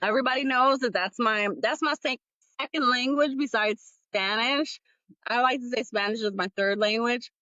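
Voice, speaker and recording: On her own solo podcast, a woman talks casually and candidly, rambling and leaning on frequent fillers. Her voice is a little high and sharp in tone, at a moderate pace, and the recording sounds dry and dull.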